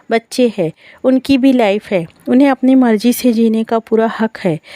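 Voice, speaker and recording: A woman narrating a scripted family story in the first person, in a calm, measured reading style. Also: a little high, dry recording.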